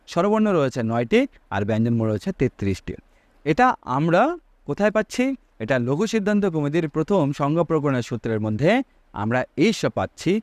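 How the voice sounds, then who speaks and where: A man's voice: on the high side, a little mellow, dry recording. A man teaching a Sanskrit grammar lesson, asking his students rhetorical questions and drawing out vowel sounds to show their length.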